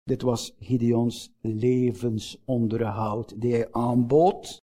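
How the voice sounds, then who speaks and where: A man with a Flemish accent preaching a sermon, earnestly asking his listeners rhetorical questions, lifting some phrases with emphasis and dropping others to a low, slow hush. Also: steady tone. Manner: swings between raised emphatic phrases and low, slowed, hushed endings.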